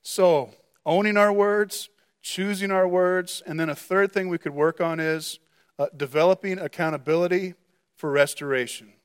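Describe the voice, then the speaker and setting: A pastor delivering a sermon in a high-pitched male voice. He speaks earnestly and keeps restarting phrases, repeating a word two or three times before pushing on. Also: fairly even intonation, moderate pace, smooth. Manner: earnest, with frequent stammered restarts.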